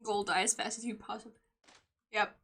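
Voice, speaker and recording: A young woman streaming a game live, chatting playfully as she plays, with sudden loud outbursts and giggles. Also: medium pitch, fairly even intonation, fairly quick, breathy edge.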